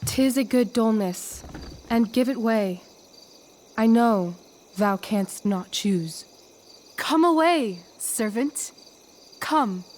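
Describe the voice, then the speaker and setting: Poised, slow-speaking theatrical teenage girl. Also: fairly high pitch, animated, darkish tone, a little hiss or hum. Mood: grand, commanding. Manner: theatrical, measured, coaxing. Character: poised, persuasive teenage girl, theatrical amateur stage actress. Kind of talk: video game acting, Shakespearean stage delivery.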